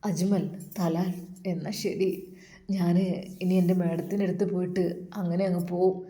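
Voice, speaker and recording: A woman voicing a heartbroken young man who quietly says goodbye, speaking softly and with resignation. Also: lowish voice, level tone, normal speed, close to an everyday voice. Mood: resigned farewell. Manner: soft, resigned, sad. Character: heartbroken young man leaving his love. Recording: roomy echo.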